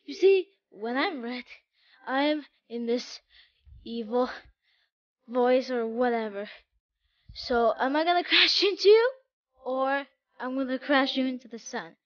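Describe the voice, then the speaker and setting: A weary Moon, voiced by a woman, sighing and reluctant, who slips into a mock-sinister voice when red. The voice sits high, and the recording is dull and lo-fi. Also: expressive, measured pace, pauses often.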